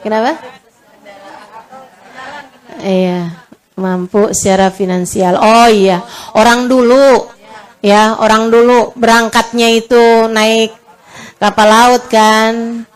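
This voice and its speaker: A woman's voice: on the high side, little pitch movement, takes it slowly, long pauses, smooth, some chatter behind. A woman preaching an Islamic lecture, chatting with her audience and acting out the people in her stories. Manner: conversational, addresses audience as friends, acts out dialogue. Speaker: religious preacher.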